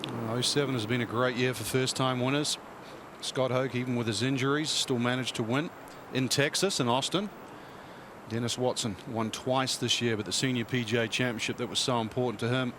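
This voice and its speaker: A man's voice: medium pitch, steady tone, fairly quick. A man giving conversational commentary on a golf tournament as a commentator. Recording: outdoor broadcast, clear ambient noise.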